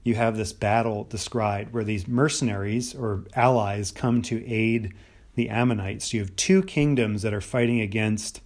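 A man's voice: fairly low pitch, fairly even intonation, normal speed, a little mellow. A man hosting a podcast, explaining ancient history off the cuff and thinking aloud with frequent fillers and restarts. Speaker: podcast host. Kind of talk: unscripted history talk.

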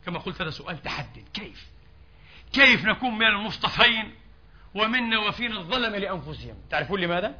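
A man's voice: high-pitched, sing-song, fast talker, bright, forceful tone. A man preaching an impassioned sermon in a mosque, asking his congregation rhetorical questions. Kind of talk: Friday sermon. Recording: dull lo-fi sermon recording.

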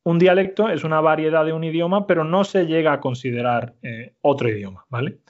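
A man with a somewhat high voice teaches a Spanish lesson at a fairly quick pace, and the audio sounds dull. He explains things step by step, often checking in with listeners with a frequent "¿vale?"

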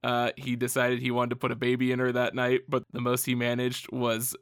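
A man co-hosts a casual comic book podcast in a bright, forceful voice with a dry, close sound. He talks in an animated way, swears freely and laughs often. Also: mid-range voice, fairly quick, clean tone, no room sound. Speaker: podcast co-host.

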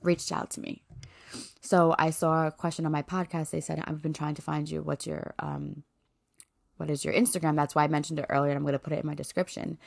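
A woman's voice: sits low, flat delivery, a little fast, creaky, darkish tone. A woman in her thirties hosting a personal faith podcast, talking in a heartfelt, rambling way full of "like" and "you know". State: voice cracking with emotion. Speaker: podcast host.

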